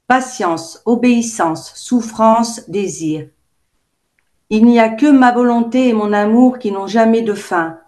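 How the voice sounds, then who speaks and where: A woman reading a spiritual text aloud to a prayer group in a calm, measured way. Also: fairly high pitch.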